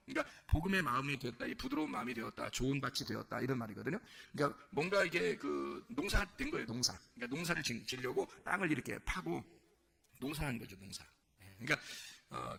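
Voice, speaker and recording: A man's voice: medium pitch, vocal fry, bright, forceful tone. A man preaching a sermon, asking his congregation questions and acting out quoted lines. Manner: asks the congregation questions and acts out quoted speech. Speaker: pastor.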